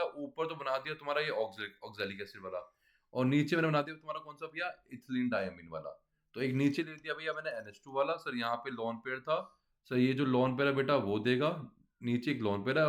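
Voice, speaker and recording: A man teaching a chemistry class, explaining step by step and often quizzing his students. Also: mid-range voice. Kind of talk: classroom lecture.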